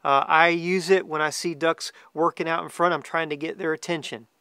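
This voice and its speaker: Brief: male instructor, forties, from the US, slightly high smooth voice, relaxed explanatory delivery to camera. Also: normal speed, dry recording, studio quality. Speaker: duck hunting guide and calling instructor. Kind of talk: informal instructional talk to camera. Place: outdoors among trees, seated.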